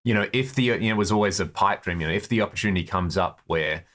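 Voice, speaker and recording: A fast-talking man with a low-pitched, slightly bright voice and an Australian accent. He's from Perth, plays guitar in a touring band, and is chatting as an interview guest, telling stories about his experiences.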